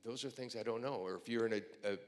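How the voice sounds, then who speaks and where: At a breakfast event, a male pastor with a medium-pitched voice moves quickly through earnest, emotional stories for the room. Now and then he grows quiet and emotional, and his heartfelt talk echoes with long hall reverb.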